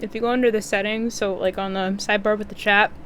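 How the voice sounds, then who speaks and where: A woman's voice: mid-range voice, little pitch movement, quick pace, a bit bright, slight background noise. A woman chatting casually between players at a tabletop game, helpful and laughing often.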